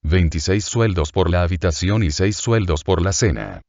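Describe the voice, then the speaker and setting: A man voicing a calculating middle-aged male innkeeper who feigns warm affection, in an audiobook reading. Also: low-pitched, normal speed, gravelly, no echo, lo-fi sound. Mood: falsely tender. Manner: falsely kind, sentimental, calculating.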